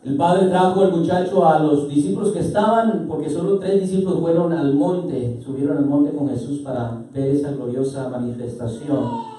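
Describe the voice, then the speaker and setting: A male pastor giving a sermon, asking the congregation questions and rising to loud, emphatic declarations. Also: on the high side, normal speed. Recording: echoey hall, voice from far off.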